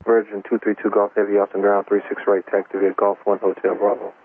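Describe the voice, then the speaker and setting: A man's voice: lowish voice, completely flat delivery, quick pace. A male ground controller giving matter-of-fact, procedural air traffic instructions over radio. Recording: narrow, slightly noisy aviation radio.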